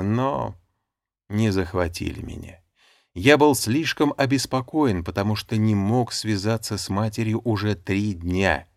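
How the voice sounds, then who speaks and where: A man with a fairly low voice reads a first-person memoir as an audiobook. His delivery is dramatic and expressive, and the recording is dry and close with almost no room sound. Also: dry recording. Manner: dramatic reading, acting out the dialogue. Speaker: audiobook narrator. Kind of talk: scripted memoir narration.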